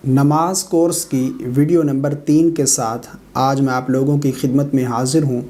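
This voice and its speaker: A man, middle-aged, giving a brisk explanatory online lesson on correct recitation, pausing with drawn-out 'aa' sounds. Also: mid-range voice, warm tone. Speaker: religious teacher of prayer recitation.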